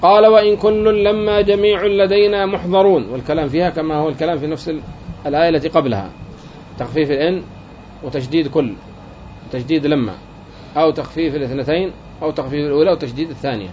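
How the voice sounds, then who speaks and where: Guy teaching a grammar class, kinda high voice, keeps repeating stuff and asking the room questions, muffled lo-fi sound. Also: very fast, pauses often, darkish tone, a little hiss or hum. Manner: explains step by step, repeating key phrases and asking the class rhetorical questions. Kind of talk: classroom lecture. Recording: dull lo-fi recording.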